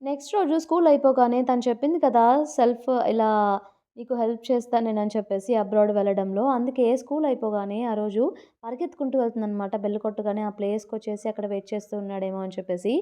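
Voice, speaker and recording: Fast-talking Telugu woman retelling a drama. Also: fairly high pitch, steady tone, warm tone. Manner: chatty, mixes in English words. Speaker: drama recap narrator. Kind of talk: casual story retelling.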